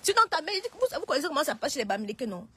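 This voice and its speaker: A woman's voice: sits high, big pitch swings, rapid-fire, a bit bright. A woman talking on a live stream, hesitant, often restarting and pleading. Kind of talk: casual live-stream talk.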